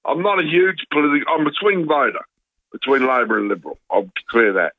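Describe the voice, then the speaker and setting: A man's voice: medium pitch, fairly quick, creaky, no room sound. An Australian man in his fifties calling a radio show through a bluetooth headset mic, chatting casually and rambling with hesitant ums and restarts. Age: 50s. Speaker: radio caller. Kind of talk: casual call-in chat. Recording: tinny dry phone line.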